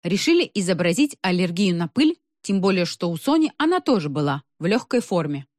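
Expressive woman reading a wry story. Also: lowish voice, fairly quick, no echo, studio quality. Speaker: audiobook reader. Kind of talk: scripted narration.

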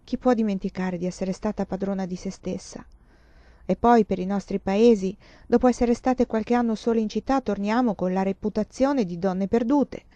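A woman's voice: medium pitch, moderate pace, mellow, no echo, natural voice. A woman reading as a proud, weary woman writer. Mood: bitter. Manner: speaks in bursts, intense and rueful. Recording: dull lo-fi recording.

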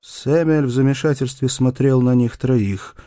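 A man reading a novel aloud as narrator, in an expressive, measured style. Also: medium pitch, smooth, no room sound, studio quality. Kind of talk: audiobook narration.

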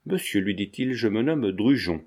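A man voicing a polite, formal middle-aged notary who speaks in a measured, precise way. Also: fairly low pitch, lively intonation, darkish tone, husky.

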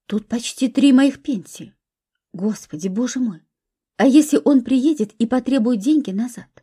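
A woman's voice: fairly high pitch, normal speed, dark tone, breathy edge. A woman voicing an anxious, pious elderly grandmother in a storybook reading, with a fretful manner. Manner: fretful, worried.

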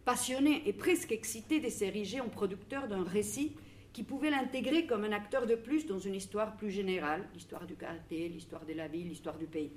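A woman's voice: medium pitch, a little mellow, a little hiss or hum. Argentine woman reading a conference talk. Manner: measured, reads from notes with small restarts. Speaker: researcher presenting at a public debate.

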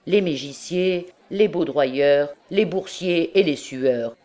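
A woman's voice: low voice, darkish tone. A woman voicing a rowdy, boastful drunken young male student in an audiobook, exclaiming and laughing. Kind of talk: audiobook character reading.

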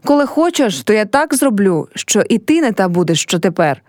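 A woman's voice: medium pitch, sing-song, normal speed, a little mellow, no echo, clean studio sound, natural voice. A woman reading a play aloud and voicing a teasing, scheming young village man.

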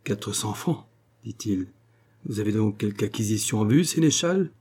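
A man's voice: on the low side, lively intonation, moderate pace, darkish tone, husky. A man voicing a cold, sarcastic small-town notary in an audiobook, speaking in an icy, cutting, ironic tone. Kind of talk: audiobook character reading.

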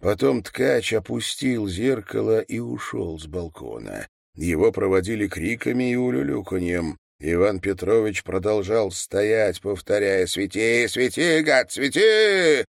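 A man narrating a story as an audiobook reader, in a measured storytelling manner. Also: on the low side, animated, gravelly, darkish tone, no echo, clean studio sound. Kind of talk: audiobook reading.

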